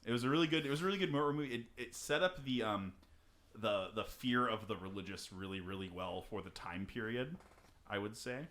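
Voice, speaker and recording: Low, bright-voiced young man chatting. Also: fairly quick. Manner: rambling, searching for words. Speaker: podcast co-host. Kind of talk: casual chat.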